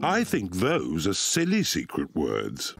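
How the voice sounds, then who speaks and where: A man's voice: sits low, huge pitch swings, slow, vocal fry, soft background music, exaggerated voice. A man voicing a big, good-natured, mildly grumbling father pig with a British accent in a preschool cartoon.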